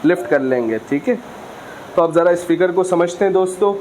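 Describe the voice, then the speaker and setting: Man, physics teacher, high voice, quizzing questions, faint room noise. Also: a little mellow, rough recording. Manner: reads English lines slowly, then explains with many quiz questions. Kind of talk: classroom lecture.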